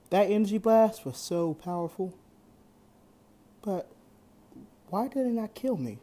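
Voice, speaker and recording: Young amateur narrator, first-person story reading, halting, slow, mellow dark tone. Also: mid-range voice. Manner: plain, halting read-aloud delivery.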